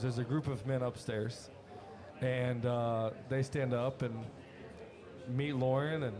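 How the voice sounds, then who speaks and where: A man telling a story on a podcast, lively and quick to laugh. His voice sits at an ordinary middle pitch. A room full of chatter carries on behind him. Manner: animated storyteller, laughs often. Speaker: guest from a cigar company. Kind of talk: casual podcast chat. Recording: crowd chatter in background.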